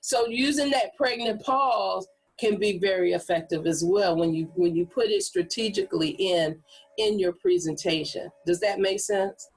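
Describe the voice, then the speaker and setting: A woman's voice: mid-range voice, normal speed, slightly rough, low-quality recording. A woman coaching presenters in a training workshop, talking casually and acting out hype voices and whispers to demonstrate delivery. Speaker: speaking coach.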